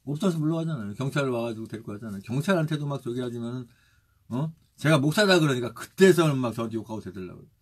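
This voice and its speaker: A male pastor preaching and leading prayer, steadily reciting lists of names, with a husky voice. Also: medium pitch, animated, fast. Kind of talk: sermon and spoken prayer.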